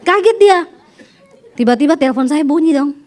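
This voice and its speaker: A woman pastor delivering a sermon in a high-pitched voice. She preaches with dramatic storytelling and acts out the voices she quotes. She drives her points home with forceful, punchy emphasis. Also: animated, slight background noise. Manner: forceful, punchy exhortation with sudden slow emphasis.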